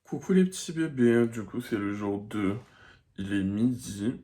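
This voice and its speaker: With a lowish voice, lively intonation and a measured pace, a man in his twenties rants in exasperation over background noise. His casual vlog, shot on a handheld phone camera, is full of crude swearing and moves from driving in a car on the road to walking outdoors.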